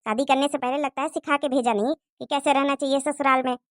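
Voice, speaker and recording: A scornful, nagging mother-in-law from a cartoon moral story scolds in a pushy, taunting manner, as a woman puts on the voice. Her voice sits lower than the performer's own bright, high tone. The recording is dry and close. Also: fairly even intonation, quick pace, no room sound, natural voice. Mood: scolding.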